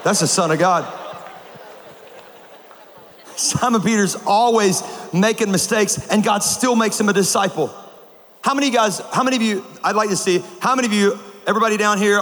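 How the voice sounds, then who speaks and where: A man preaching a comedic sermon to a large crowd, telling stories with animated bursts of shouting. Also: high voice, fast talker. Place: large auditorium with a live audience. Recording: long hall reverb, faint ambience.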